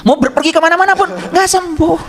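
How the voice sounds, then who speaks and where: A man's voice: extremely high pitch, brisk, a little hiss or hum. A middle-aged man giving an informal sermon as a religious teacher. He keeps asking the congregation questions and acts out little dialogues. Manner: animated, asks the audience questions and acts out dialogues. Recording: long hall reverb.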